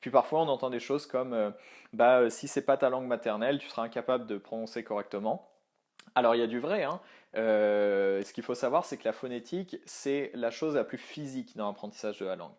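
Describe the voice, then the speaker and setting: A man's voice: medium pitch, fairly quick, a little mellow. A young man giving a casual online lesson, thinking aloud with many fillers and restarts. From France. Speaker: language teaching coach.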